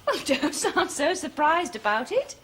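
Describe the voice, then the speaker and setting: A woman's voice: sits high, big pitch swings, fairly bright tone, heavily acted. An actress playing a composed female police inspector who speaks firmly and measuredly in a British TV police drama. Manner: firm, measured, authoritative.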